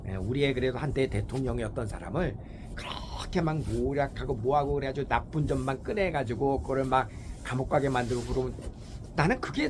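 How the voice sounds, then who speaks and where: A man hosting a morning talk show in a casual opinion monologue, animated and rhetorical, often asking his listeners "eh?" and acting out other people's voices. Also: mid-range voice, noisy background. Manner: acts out quoted voices.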